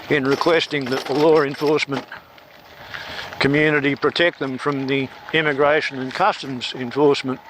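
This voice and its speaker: Man on a motorbike helmet mic. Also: on the high side. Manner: slow, measured, deliberate delivery. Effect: motorbike helmet microphone while riding. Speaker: vlogger. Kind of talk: political commentary monologue while riding. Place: outdoors on a moving motorbike. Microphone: helmet microphone. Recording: loud wind and road noise on a helmet mic.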